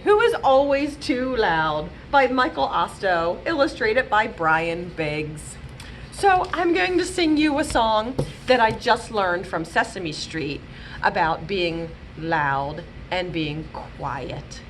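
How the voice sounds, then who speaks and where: Playful and animated as a children's librarian, a woman hosts a storytime, reading to young children and chatting with them. She speaks slowly in a sing-song, medium-pitched, fairly bright voice, with a little hiss or hum in the recording.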